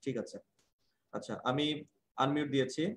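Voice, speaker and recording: A man's voice: medium pitch, fairly even intonation, normal speed. A man teaching English grammar in an online class, answering a student's questions patiently and repeating key points. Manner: explains patiently, repeats points, asks rhetorical checks. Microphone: video call.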